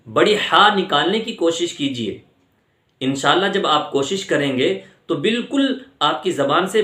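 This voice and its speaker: A man teaching how to pronounce the Arabic words of prayer, patiently repeating each phrase slowly for the listener to copy, with an Indian Urdu accent. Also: on the high side, fairly bright tone, roomy sound. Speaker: Islamic teacher. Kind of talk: religious instruction on prayer pronunciation.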